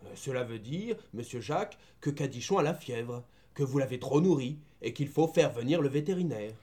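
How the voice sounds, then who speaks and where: A man voicing a steady farmhand in a storybook reading, calm and matter-of-fact as he explains. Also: medium pitch, moderate pace, lightly acted. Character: steady older male farmhand tending animals.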